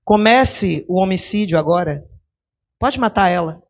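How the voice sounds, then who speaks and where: A woman preacher voicing a calm, gentle grown man who teaches slowly and softly. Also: fairly low pitch. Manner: slow, soft, measured. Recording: dull lo-fi recording.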